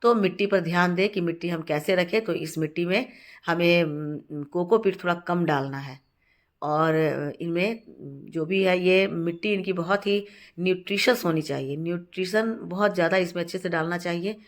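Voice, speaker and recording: A woman with a heavy, stuffed-up voice from a cold hosts a casual gardening tutorial from her terrace garden. She talks in a chatty way, repeats words and often pauses on fillers. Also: fairly low pitch. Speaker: gardening channel host. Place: home terrace garden, outdoors.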